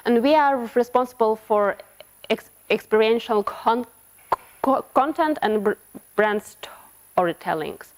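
A woman from Ukraine speaks at a developer conference, with a somewhat high voice. She explains her topic in a hesitant way, breaking off and repeating words. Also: animated, measured pace. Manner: hesitant, frequent restarts and broken-off words. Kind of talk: conference talk with slides. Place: conference hall.

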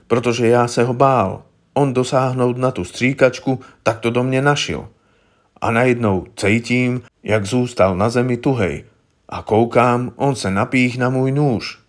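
A man reading aloud, voicing a frightened small-time safecracker who talks plaintively in rough slang. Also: mid-range voice, lightly acted.

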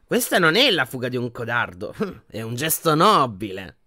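A man's voice: fairly high pitch, sing-song, moderate pace, bright, forceful tone, no room sound, studio quality, pitched above the performer's own voice, full character voice. A man doing Phineas Nigellus, sneering old wizard. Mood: mocking. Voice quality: drawling, mocking. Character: haughty old male wizard portrait, sneering and pompous. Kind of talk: audiobook character voice.

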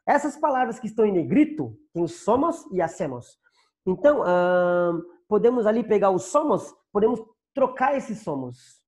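Man, Brazilian Portuguese accent, online teacher, patient, repeats phrases, lively pitch. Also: moderate pace. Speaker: Spanish teacher. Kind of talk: online class explanation.

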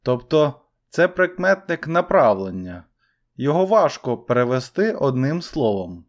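A young man teaching an English lesson. He repeats each English phrase and then translates it. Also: fairly high pitch.

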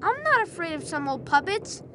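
For a video game cutscene, an actor plays a brave young boy, speaking earnestly and encouragingly with a determined, reassuring tone. The voice is very high-pitched with big pitch swings at a normal speed, and background noise can be heard.

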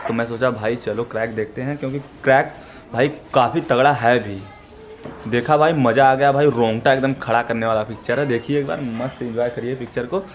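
A young man narrates his day in a casual selfie vlog, moving between the outdoors, home and the gym, and keeps calling his viewers "bhai" in a chatty way. His voice is medium-pitched, and the arm's-length camera picks up echo and loud street noise.

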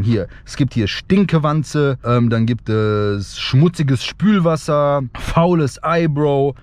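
A young man vlogging casually from inside a car, excitable and slangy, given to exclamations. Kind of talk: casual challenge vlog, youth slang. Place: inside a small car, often driving. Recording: noisy car interior, road rumble.

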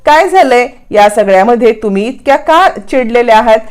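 A woman voicing a gentle teasing young husband. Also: a little high, animated, fairly quick, close to an everyday voice.

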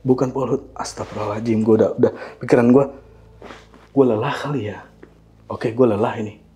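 A man with telling a hiking story in a casual, animated way, acting out voices and sounds. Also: mid-range voice, brisk.

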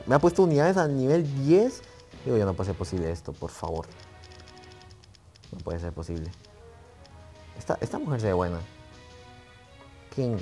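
A man with a Spain Spanish accent giving excitable live commentary on a game he is playing. He swears casually and talks straight to the game. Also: medium pitch. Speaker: gaming YouTuber.

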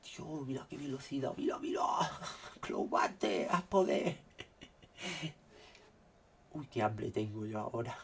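A man with a Spain Spanish accent, his throat dry after a cold, excitedly commenting on what is on his screen. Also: medium pitch, slow pace, long pauses, slight background noise. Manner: excitable, exclaiming, keeps saying "look". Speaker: vlogger. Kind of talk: casual commentary on screen recording.

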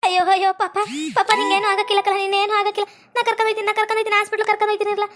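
In a village comedy skit, a woman plays a frantic young village wife fussing over her husband, wailing and repeating herself. Her very high voice races along with a completely flat delivery, sounds a bit bright, and carries a little hiss or hum.

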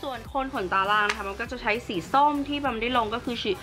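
A woman's voice: fairly high pitch, quick pace, over music. A woman beauty vlogger giving a chatty, upbeat makeup review and explaining each step as she works. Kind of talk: casual makeup tutorial and product review.

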